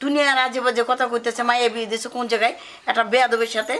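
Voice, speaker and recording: A woman's voice: fairly high pitch, fairly even intonation, racing, slight background noise, close to an everyday voice. An actress playing a fussing village mother who scolds her daughter about a rude son-in-law. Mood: scolding. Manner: scolding, calling out loudly. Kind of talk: rural comedy drama acting.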